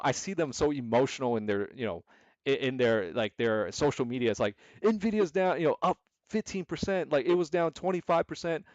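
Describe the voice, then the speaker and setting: A man's voice: medium pitch, dry recording. A man hosting an investment club stream in casual, rambling talk. He often repeats himself and acts out panicky traders. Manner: rambling, repetitive, restarts often, acts out quoted emotional traders. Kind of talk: casual livestream market commentary. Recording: dry, slightly dull home mic sound.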